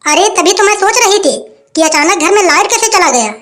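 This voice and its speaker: A woman's voice: extremely high pitch, animated, a little fast, crowd noise. A woman playing a cranky old village mother who scolds and nags. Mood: scolding. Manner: scolding, nagging.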